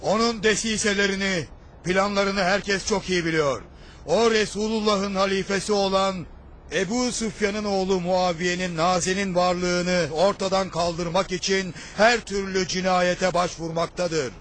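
An actor playing a town crier in a historical drama, calling out formal proclamations to the people in drawn-out phrases. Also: male voice, sits high, steady tone, a bit bright. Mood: denouncing. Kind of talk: dubbed historical drama acting.

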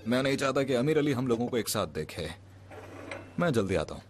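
A teasing yet bossy young businessman, voiced by a man, in a voice of middling pitch. His playful banter turns curt when he gives orders. A faint hiss of noise sits under the dubbed drama track. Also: sing-song, a little fast, natural voice.

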